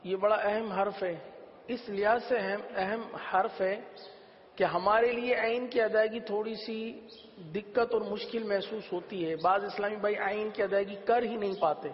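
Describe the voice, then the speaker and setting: A man teaching Quran letter pronunciation on a religious TV lesson, sounding each letter slowly and repeating drills. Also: high voice, steady tone. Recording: echoey hall, dull lo-fi sound.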